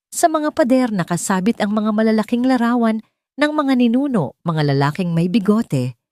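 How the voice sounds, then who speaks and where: A dry, clean studio recording captures a woman with a Filipino accent narrating a dramatic scripted story. Her voice is on the low side and a little mellow.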